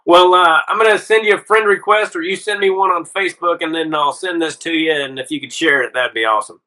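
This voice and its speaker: A man's voice: on the high side, fast talker, pushed and bright, rough recording. A middle-aged man hosting a casual interview podcast, friendly and rambling, with lots of "uh" and "man". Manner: friendly, rambling with many fillers. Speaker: podcast host.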